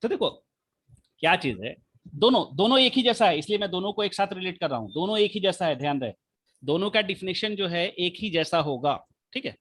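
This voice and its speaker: A man teaching a physics class online, explaining slowly with many repetitions and rhetorical questions, speaking with the mic held right at his mouth. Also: sits high, expressive, fairly bright tone. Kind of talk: live online class lecture.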